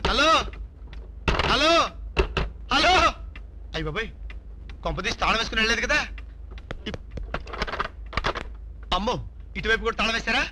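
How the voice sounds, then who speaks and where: A man's voice: high voice, expressive, moderate pace, pauses often, background noise. An actor playing a bumbling, panicky young cosmetics salesman in a film comedy, wailing out one exclamation after another. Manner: frantic, full of wailing exclamations.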